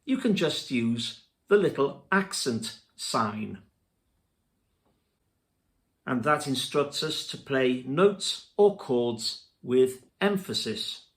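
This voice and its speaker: A man teaching music theory, spelling out terms letter by letter in a slow, deliberate lesson narration. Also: medium pitch, very animated, fairly bright tone.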